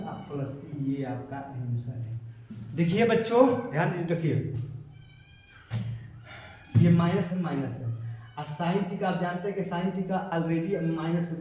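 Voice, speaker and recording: A man's voice: sits high, a little mellow, slight background noise. Tired male maths teacher in an echoey room. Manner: repetitive, coaxing, checks in with "है ना". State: tired, low on energy. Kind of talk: classroom lecture. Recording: roomy echo, voice far from mic.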